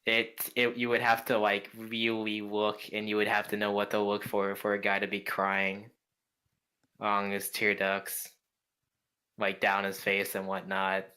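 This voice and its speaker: A young man running a tabletop game, his voice bright and lowish. He narrates in a flat, even tone, wandering through his descriptions with plenty of "like" and "kinda". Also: unhurried, poor audio. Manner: meandering description full of "like" and "kinda". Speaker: game master.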